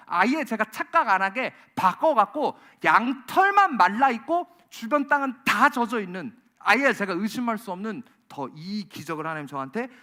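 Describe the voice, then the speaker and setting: A man's voice: very high voice, sharp tone, heavily acted. A man acting out a timid young biblical warrior who anxiously begs God for another sign. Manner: anxious, begging, self-deprecating.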